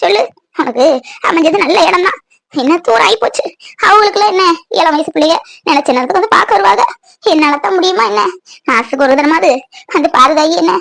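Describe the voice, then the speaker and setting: A woman voicing a gentle old grandmother in a cartoon, coaxing and tenderly scolding her granddaughter. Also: very high-pitched, animated, a little fast, vocal fry, dry recording, full character voice. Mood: soothing. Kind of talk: cartoon voice acting.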